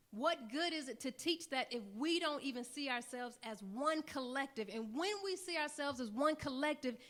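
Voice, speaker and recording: A woman's voice: high voice, fairly bright tone. A woman giving her remarks on a conference panel, earnest and building to rousing repeated lines before a room audience. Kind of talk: panel talk at a summit.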